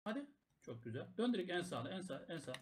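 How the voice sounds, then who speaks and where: A man calling the shots in gaming voice chat, barking rapid repeated commands and swearing freely. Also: high voice, very animated. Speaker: clan war shot caller.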